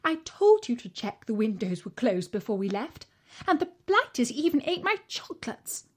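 A woman's voice: fairly high pitch, big pitch swings, normal speed. A woman voicing an upset, indignant lady scolding her husband in a storybook. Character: upset shrill wealthy lady, house robbed.

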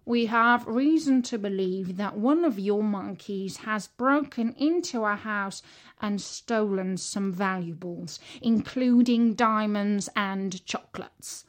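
A woman's voice: mid-range voice, slow, lightly acted. A woman doing a formal storybook policeman. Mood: official. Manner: formal, official. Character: matter-of-fact male police officer.

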